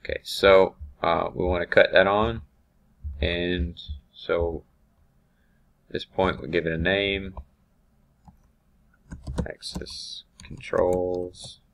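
A man teaching automation software over a screen recording, thinking aloud with ums and restarts. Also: low-pitched, fairly even intonation, slow, vocal fry, long pauses, a little hiss or hum. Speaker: automation instructor.

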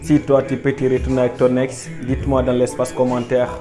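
A young man hosting a street interview show, talking in an energetic, hyped way with ad-libs, into a lapel mic. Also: medium pitch, fairly quick, music in the background. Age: young adult. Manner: energetic, hype, ad-libs like bling and boum. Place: small indoor room at first, then busy public streets and malls.

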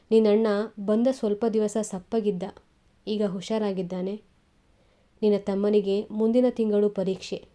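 A woman voicing an aging father who gently consoles his family while holding back grief. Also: mid-range voice, natural voice.

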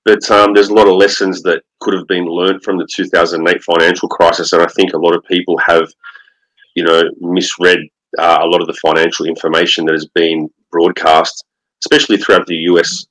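A middle-aged Australian man, a guest speaking over a video call, relaxed with many fillers. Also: low-pitched, brisk, poor audio. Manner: relaxed, fillers like um and you know. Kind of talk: interview.

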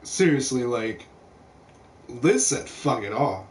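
A young video game streamer gives relaxed gameplay commentary from a room at home, speaking into a headset and making sweary, self-deprecating remarks. His mid-range voice is expressive and slow-paced, and the home stream recording is clearly noisy.

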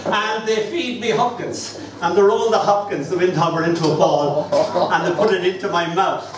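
Hosting an open mic on a small indoor venue stage, this older poet from Ireland speaks in a high, theatrical voice, rambling like a storyteller at a moderate pace while a crowd murmurs behind him. The recording comes from a distant camera in a roomy, noisy room.

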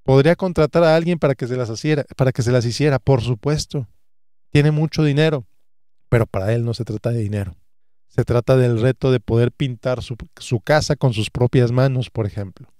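A man's voice: mid-range voice, a little fast, dark tone, no echo, studio quality. A man in his thirties hosting a solo finance podcast, earnest and stacking repeated phrases. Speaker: podcast host and financial advisor.

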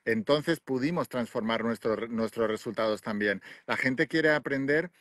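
A man's voice: medium pitch, normal speed, fairly bright tone, no room sound, clean studio sound. Assertive man, host. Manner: assertive, coaching. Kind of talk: video call interview. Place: outdoors by the sea. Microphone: phone at arm's length.

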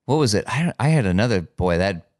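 Man, podcast co-host, very deep voice, dry and deadpan, a bit tired, dry close sound. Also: brisk, no room sound. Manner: dry, wry remarks. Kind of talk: casual chat.

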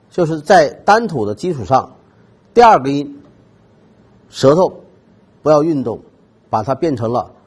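A man's voice: medium pitch, darkish tone, husky. A man giving a trumpet lesson, explaining technique patiently and stressing the key points. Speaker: trumpet teacher. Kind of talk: instructional music lesson narration.

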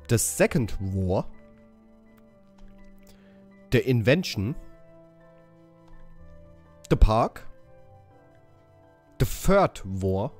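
A man giving a casual game walkthrough, haltingly reading out English dialogue options and correcting himself as he goes. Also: fairly low pitch, a little mellow. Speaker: gaming channel host.

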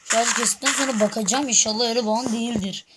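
A woman giving casual game commentary to her viewers, halting and restarting often, with a somewhat muffled voice recorded on a phone. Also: fairly high pitch, steady tone, very noisy. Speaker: gaming video creator.

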